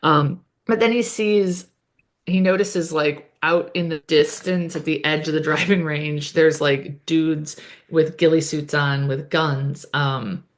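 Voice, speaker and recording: A woman with a fairly low voice co-hosts a podcast and recaps an episode in loose, chatty talk. She stops and corrects herself often, leaning on "um" and "like" as she goes. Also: steady tone, slow. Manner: chatty, many fillers and self-corrections. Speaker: podcast co-host. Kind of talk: casual chat recapping a TV episode.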